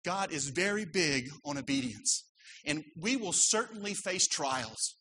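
A man's voice: on the high side, expressive, a little slow, sharp tone, slight background noise, rough recording. A man who is a pastor, preaching a sermon earnestly with emphatic rises.

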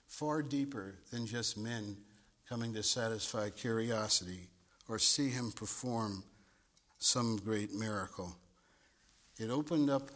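A man preaching a sermon in a church at a pulpit microphone. He speaks deliberately, repeats words and swells to emphatic high points.

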